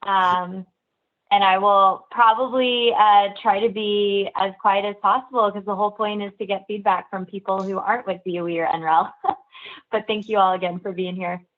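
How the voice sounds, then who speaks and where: A woman's voice: mid-range voice, steady tone, normal speed. A woman making brief, friendly remarks on a call. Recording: tinny phone-like audio.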